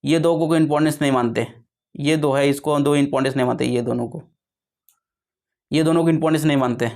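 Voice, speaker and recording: A man's voice: fairly high pitch, fairly even intonation, darkish tone. A man with a slightly raised voice teaches a lesson. He goes over each point again and again, stops to correct himself, and asks questions he then answers. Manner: explains slowly with many repetitions and self-corrections.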